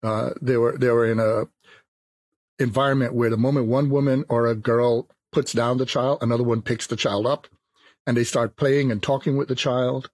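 Husky-voiced man speaking thoughtfully. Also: medium pitch, fairly even intonation, darkish tone, dry recording. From Jamaica. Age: 50s. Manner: thoughtful, measured, academic. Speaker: philosopher. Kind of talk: reflective interview talk.

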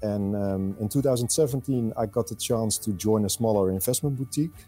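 Dutch man with a low, mellow voice. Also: faint music behind. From Netherlands. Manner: measured, frequent hesitations with "uh". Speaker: podcast guest, fund selector. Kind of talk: conversational interview answers.

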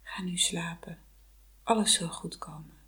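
A small magic doll whispers soft reassurances, as a woman reads her part. Her voice is hushed and gentle, as in a bedtime storybook. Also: fairly low pitch, a little slow. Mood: soothing.

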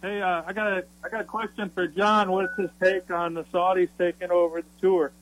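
A man's voice: high-pitched, little pitch movement, a little fast, fairly bright tone, slight background noise. A man calling into a radio show over the phone from outdoors, hesitant and stumbling over his words. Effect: heard over the phone, faint and distant. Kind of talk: casual call-in chat. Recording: faint, distant phone line.

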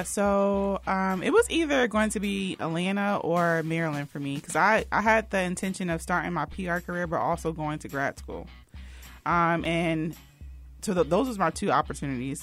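A woman's voice: fairly low pitch, moderate pace, faint music behind. Young woman guest talking loosely. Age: young adult. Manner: loose and conversational, many fillers and restarts. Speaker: PR consultant, interview guest. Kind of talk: casual interview talk.

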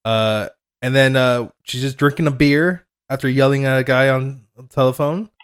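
A man's voice: mid-range voice, fairly even intonation, moderate pace, clear, resonant tone. A man hosting a casual podcast chat about a TV show, rambling, swearing and laughing as he recaps scenes. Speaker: podcast host.

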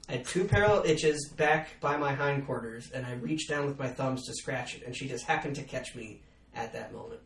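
A man's voice: medium pitch, fairly quick, fairly bright tone, roomy sound, distant mic, slight background noise. A young adult man hosting a podcast, telling stories about his youth in a self-mocking, laughing way. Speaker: podcast host. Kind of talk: casual storytelling chat.

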